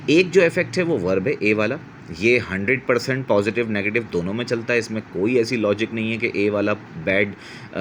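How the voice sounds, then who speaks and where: Low-voiced male teacher explaining patiently. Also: a bit bright, slight background noise. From Pakistan. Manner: patient, repeats words to model pronunciation; corrects himself mid-sentence. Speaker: English teacher. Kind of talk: explanatory vocabulary lesson.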